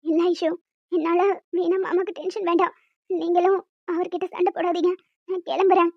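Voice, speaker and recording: A woman voicing a meek, apologetic young woman in a cartoon, speaking softly and pleading. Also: very high-pitched, level tone, normal speed, no echo. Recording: dull lo-fi dry sound.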